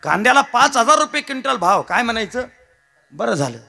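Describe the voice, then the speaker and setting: A man's voice: very high voice, sing-song, a little fast, gravelly, bright, forceful tone. A man with a Marathi accent preaching a devotional kirtan, telling stories, joking with the crowd and calling on listeners to answer back. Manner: calls out to the audience and has them answer back; addresses listeners as maharaj, jokes with the crowd. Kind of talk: devotional storytelling sermon.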